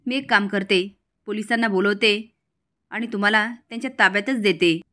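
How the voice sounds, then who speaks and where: A woman's voice: medium pitch, fairly quick, fairly bright tone, lightly acted. Spoiled rich girl, snapping at the servants, read by a woman. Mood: scornful. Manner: scolding, insulting. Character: haughty young rich woman, rude to servants.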